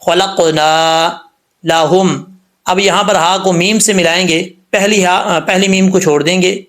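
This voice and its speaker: Man teaching Quran recitation, slow drawled demos. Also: high voice, fairly even intonation, a bit bright. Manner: explains letter by letter, drawls recited words slowly, scolds commenters. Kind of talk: tajweed lesson with slow recitation.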